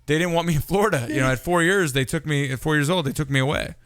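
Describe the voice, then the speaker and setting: A man's voice: on the high side, fairly bright tone. Joking man hosting an interview. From California. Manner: joking, teasing, talks in quick bursts. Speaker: interview host. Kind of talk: casual interview chat.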